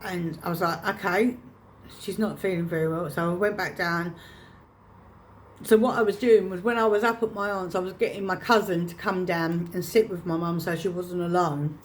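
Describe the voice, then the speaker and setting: A woman telling a painful personal story to camera, halting and restarting her phrases as she holds back emotion. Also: fairly low pitch, steady tone, a little hiss or hum. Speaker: vlogger.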